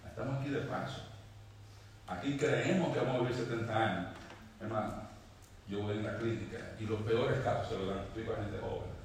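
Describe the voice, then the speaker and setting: A man's voice: fairly low pitch, moderate pace, recorded from a distance, a little hiss or hum. Fervent male preacher in an echoey church. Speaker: pastor. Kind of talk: sermon.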